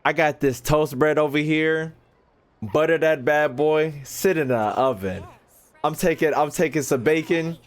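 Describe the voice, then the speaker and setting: An American man streaming a game talks at a measured pace in a voice on the high side, offering loose, slangy commentary full of jokes and swearing. The game's music and dialogue can be heard behind him.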